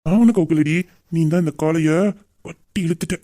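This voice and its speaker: A performer voicing a rough, mischievous young husband who teases and pleads with his wife in an audio drama. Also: medium pitch, a little fast, lightly acted. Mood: teasing. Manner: teasing and pleading, loud yelps of pain. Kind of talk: Tamil audio drama dialogue.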